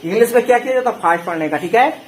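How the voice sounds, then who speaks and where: Speaking very fast with lively intonation and a very high voice, a male English teacher leads a call-and-response session, quizzing students with the same question repeatedly. Faint noise and echo fill the room.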